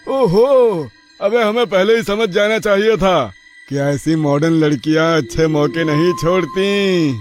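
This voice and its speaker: A man plays a crude young thug in a spoken horror tale. The voice sits high and drags slowly through every taunt, lewd and mocking, with faint music running beneath. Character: crude leering young male bus thug. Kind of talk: dramatized horror story voice acting.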